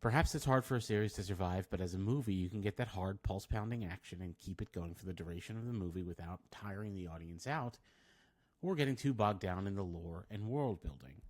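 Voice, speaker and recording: A man's voice: low voice, brisk, a little mellow. A man reading a scripted film review, with wry, dry asides.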